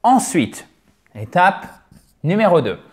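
Slow, lively French-speaking teacher man. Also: sits high. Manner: lively, addresses viewers as dear friends; repeats English words slowly to model sounds. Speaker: English pronunciation teacher. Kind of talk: explaining a lesson at a board.

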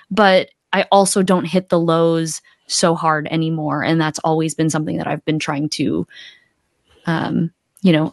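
A woman with a lowish voice talks earnestly and reflectively as a podcast guest and coach in a casual interview chat. She sits close to a desktop mic in a room at home on a video call, and there's no room sound.

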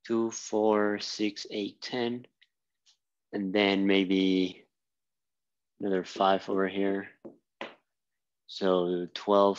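The speaker is a physics instructor giving a whiteboard lecture in a small room, drawing as he thinks aloud with fillers and restarts. His voice is lowish, and the recording has its highs cut off.

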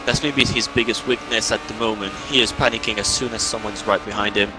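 A man's voice: lowish voice, fairly even intonation, a little fast, noisy background. A man co-commentating live on an online car race, adding observations and driver analysis like a motorsport commentator.

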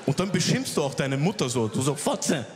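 A man from Iraq doing stand-up comedy on a live stage, telling stories and acting out his younger self with sudden high, wailing cries. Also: expressive, fast, background noise. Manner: jumps to a high wailing voice to act out his crying childhood self. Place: comedy club stage before a live audience. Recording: live stage recording with hall echo and crowd.

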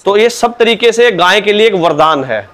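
A man's voice: high-pitched, expressive, normal speed, fairly bright tone. A man explaining his products in an interview, patient and salesman-like, starting his answers with a polite "sir, look". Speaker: cow mat dealer.

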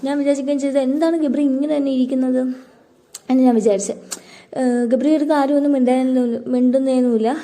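Her voice a little high and dark in tone, a woman chats through a recap of a reality show episode, addressing her viewers as "guys" and leaning heavily on fillers.

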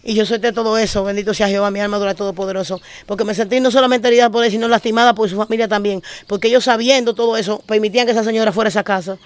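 Fast-talking Dominican woman pastor. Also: medium pitch, fairly even intonation. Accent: Dominican Spanish. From Dominican Republic. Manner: repeats phrases in rapid bursts. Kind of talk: emotional testimony storytelling. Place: living in Spain.

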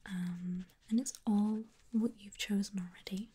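A woman's voice: medium pitch, fairly even intonation, measured pace, dark tone, breathy edge. A young woman whispering an ASMR roleplay as a reassuring pre-surgery nurse, with hesitant ums. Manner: reassuring, clinical.

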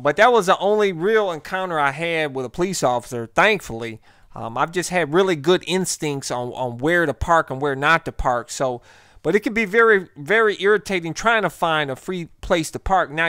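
A man's voice: fairly high pitch, lively intonation, normal speed, a bit bright, clean tone, dry recording, studio quality. An American man vlogging casually and bluntly, talking straight to viewers in informal language. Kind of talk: casual vlog monologue.

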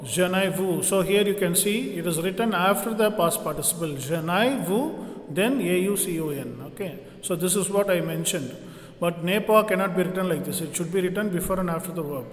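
A man teaching a grammar lesson, explaining step by step like a classroom teacher. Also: high voice. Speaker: French teacher. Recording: echoey room with long reverb.

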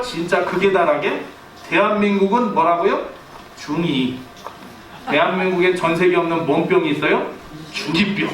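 Pastor, male, 40s: high and bright, animated sermon delivery with acted-out family lines, recorded from a distance in an echoey hall. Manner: animated, acts out family quotes, asks the congregation questions. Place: church sanctuary. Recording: echoey church hall, distant mic, faint background hiss.

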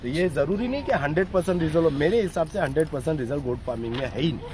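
A man's voice: on the high side, lively intonation, racing, a crowd in the background. A man, a goat farm owner explaining things at length in a casual outdoor interview. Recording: outdoors with people nearby.

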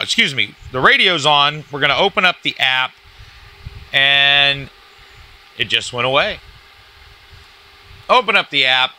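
Male reviewer, slightly high and very bright, forward voice, informal gadget demo with a halting delivery. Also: low-quality recording. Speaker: radio product reviewer. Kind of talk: casual hands-on gadget demonstration. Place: indoors at a cluttered wooden desk.

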